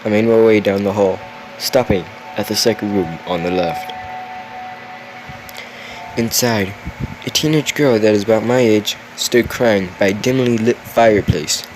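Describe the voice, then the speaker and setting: A man's voice: on the low side, measured pace, background noise. A tired young man reading a spooky story aloud, yawning, with chatty asides and the odd curse. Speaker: story reader.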